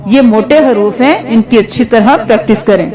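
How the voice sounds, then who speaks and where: High-voiced woman drilling letter sounds. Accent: Pakistani Urdu. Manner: slow, drawn-out letter names between quick explanations. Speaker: Quran reading teacher. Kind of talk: letter-by-letter pronunciation lesson.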